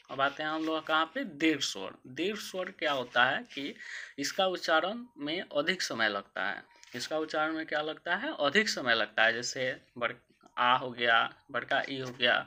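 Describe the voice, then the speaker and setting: A man's voice: a little high, bright, forceful tone, a little hiss or hum. A man teaching a grammar lesson, asking questions and answering them himself in a casual, repetitive way. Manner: casual regional Hindi with words like एगो and गो. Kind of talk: board-exam grammar lesson.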